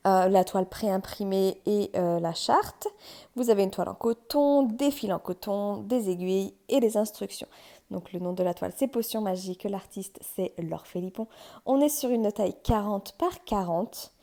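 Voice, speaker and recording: A woman hosting a crafts channel, chatting casually and excitedly through an unboxing, often breaking into laughter. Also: mid-range voice.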